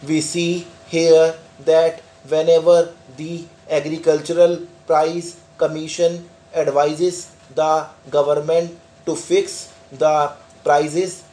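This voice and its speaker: A man dictating a prepared speech for practice, reading it out in deliberate, measured phrases. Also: a little high, mellow, low-quality recording. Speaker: dictation instructor.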